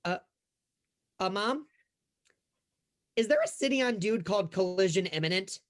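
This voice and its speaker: A woman's voice: mid-range voice, lively intonation, normal speed, slight background noise, natural voice. A woman playing an earnest, dramatic teenage boy hero in a sci-fi comedy spoof. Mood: deflated.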